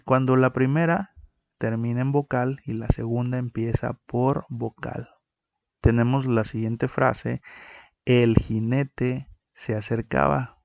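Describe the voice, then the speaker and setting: Slow, gravelly male teacher. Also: mid-range voice, darkish tone, dry recording. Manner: slow, explanatory, counts syllables aloud. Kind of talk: recorded lesson on poetic meter.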